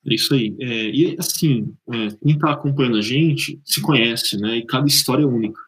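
A man's voice: medium pitch, a little fast, fairly bright tone, low-quality recording. A man with a Brazilian accent giving casual religious talk as a panelist, speaking informally and directly to the listeners. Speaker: panelist answering questions on faith.

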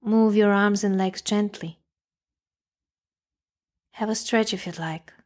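Her voice mid-pitched and steady, a woman leads listeners through a meditation. Short, simple directions come slowly and calmly, separated by long silences.

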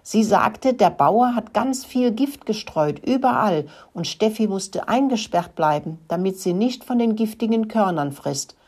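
Little boy mouse, earnest and sure of himself, slightly husky; a woman reads him. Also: medium pitch, animated, measured pace, few pauses, darkish tone, voice pushed up.

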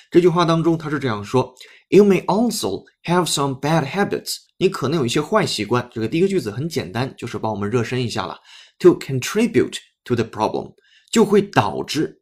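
Male English teacher, mid-pitched, upbeat radio-lesson host who drills phrases. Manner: upbeat, explains with repeated drills. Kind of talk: broadcast-style English lesson. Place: studio broadcast.

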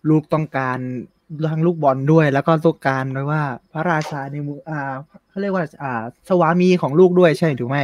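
A man's voice: on the high side, fast, hardly any pauses, a little mellow, lightly acted. A man voicing a bumbling old king who keeps laughing and joking with his daughter, in an improvised comedy story podcast. There is faint noise behind him. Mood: joking fatherly. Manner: laughs often, clowns and goes off-script.

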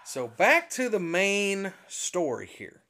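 A man spins a comic family tale with a lively, swooping delivery that rises high on his punchlines. His voice sits a little high for a man, and he laughs through his own story, slipping into his parents' voices. It sounds like a relaxed pastor's chat show. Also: slow pace. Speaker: pastor and podcast host.

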